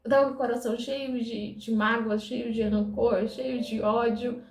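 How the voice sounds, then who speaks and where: High-voiced woman telling her story. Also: moderate pace. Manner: lively storytelling, acting out dialogue. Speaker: dental assistant giving a testimony. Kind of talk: personal faith testimony. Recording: echoey room.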